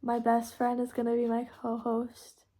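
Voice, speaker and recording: With a slightly high, warm voice and totally flat delivery at normal speed, a Texas teenager hosts a podcast, chatting and rambling casually while she colors. Pencils and markers can be heard scratching paper in the background; she is from Texas, United States.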